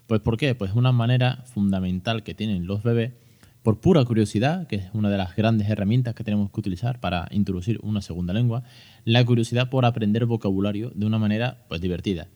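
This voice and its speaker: A man's voice: fairly low pitch, fast, darkish tone. Chatty joking man with Spain accent. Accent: Spain Spanish. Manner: chatty and joking, with many fillers and restarts. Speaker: podcast host. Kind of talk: casual educational podcast talk.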